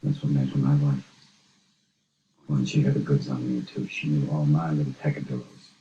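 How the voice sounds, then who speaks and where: An actor playing a blunt, reflective widowed therapist, middle-aged, with a Boston accent. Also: male voice, rumbling low, level tone, normal speed, gravelly, warm tone, slight background noise. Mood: wistful. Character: gruff widowed older male therapist. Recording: dull, roomy film soundtrack.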